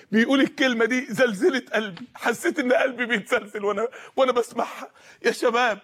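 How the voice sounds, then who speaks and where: A man's voice: sits high, fairly bright tone. A man with an Egyptian accent preaching an impassioned sermon, appealing to his listeners with repeated questions and a voice often close to tears. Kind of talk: emotional storytelling sermon.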